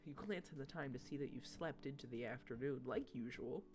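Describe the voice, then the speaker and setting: A female streamer with a very deep voice reads a dating-sim's text aloud over music. She keeps breaking off to joke, animated and quick to tease the characters.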